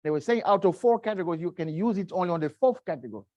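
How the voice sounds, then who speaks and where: A middle-aged man, a guest speaker, answering seminar questions in a halting way, often searching for words. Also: high voice, expressive, dark tone, dry recording, dull audio. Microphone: video call.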